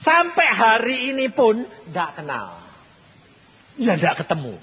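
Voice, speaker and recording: Javanese-accented preacher with a wildly swinging pitch. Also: male voice, measured pace, slight background noise. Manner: lively preaching, swings between hushed and loud. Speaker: pastor. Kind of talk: sermon with storytelling.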